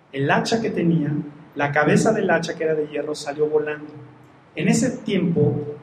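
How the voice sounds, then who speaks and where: A lively male preacher retells Bible stories, raising his pitched-up voice to act out the characters. He teases the congregation between readings. The echoey hall carries a faint hiss behind him. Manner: animated, acts out characters, jokes with congregation. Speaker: pastor.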